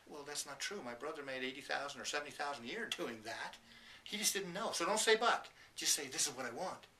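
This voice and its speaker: A man with a bright, slightly high voice talks earnestly and emphatically to his listeners, leaning on key words. He sits a little back from the microphone, and a faint hiss runs underneath. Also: fast, far from the mic, rough recording. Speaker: motivational speaker. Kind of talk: motivational talk to camera.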